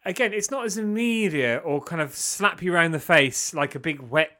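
Bright-voiced enthusiastic man. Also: on the high side, normal speed. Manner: enthusiastic, gushing. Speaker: podcast co-host. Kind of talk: casual music review chat.

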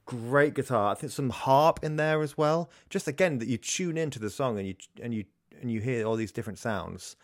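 A man's voice: mid-range voice, brisk, no echo. A man co-hosting a podcast, talking about music with a dry, wry humor. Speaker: podcast co-host. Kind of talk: casual music review chat.

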